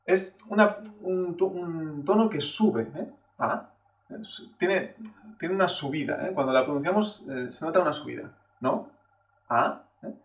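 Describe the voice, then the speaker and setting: Heard from a distance amid roomy echo, a man whose voice is on the high side teaches Chinese at a moderate pace in a classroom-style video lesson. His explanations are patient, punctuated by a questioning "eh," and he exaggerates sample syllables to make the tones clear.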